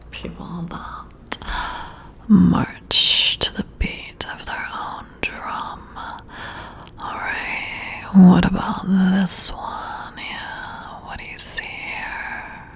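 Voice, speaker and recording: Here the woman's voice is lowish, gravelly, and exaggerated as she portrays a flirty boss giving a personality test in ASMR. Close to the mic, she whispers breathily, sounding intrigued and admiring, her pace slow and her manner flirty and softly hesitant.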